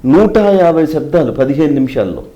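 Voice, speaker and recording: A man's voice: a little high, expressive, a little fast, dark tone, dull audio. A middle-aged man, a mimicry artist, answering interview questions and telling stories from his career while slipping English phrases into his talk. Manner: explanatory, mixes in English phrases.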